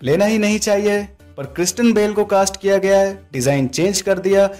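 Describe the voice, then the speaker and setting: Over faint background music, a video host narrates a casual, opinionated breakdown of a movie trailer in voice-over. His voice is high and a little mellow, and he talks a bit fast.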